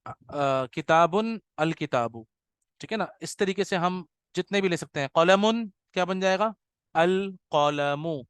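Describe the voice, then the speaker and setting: A man teaching an Arabic grammar class, explaining patiently, checking in with his students often, and slowing down to sound out words. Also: high voice, fairly bright tone, clear, resonant tone, no room sound.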